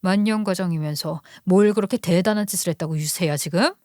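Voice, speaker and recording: A woman's voice: on the low side, fairly quick, dry recording, studio quality, lightly acted. A woman voicing a furious, betrayed wife who curses and scolds sharply. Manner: sharp, cursing, indignant.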